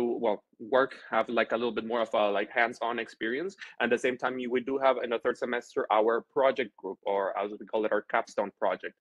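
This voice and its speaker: A young man from Honduras giving a loose, informal webinar presentation over a video call, full of fillers and restarts. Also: mid-range voice. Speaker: marketing coordinator.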